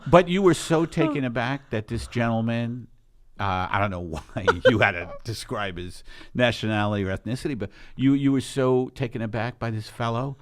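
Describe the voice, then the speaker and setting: A man's voice: mid-range voice, moderate pace. A middle-aged man hosting a casual comedy podcast, rambling through mock-serious, sarcastic riffs. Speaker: podcast host.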